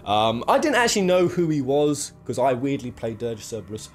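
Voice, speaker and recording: A man with a mid-range, sing-song voice talks a little fast as he hosts a countdown video about games. His commentary is casual and unscripted, emphatic and jokey, full of slang and swearing. Game soundtrack music plays in the background.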